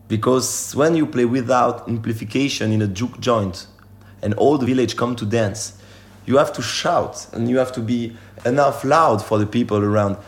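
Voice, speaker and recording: A male musician whose first language is French, answering interview questions and acting out examples. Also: medium pitch. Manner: animated, breaks into singing examples. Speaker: musician guest.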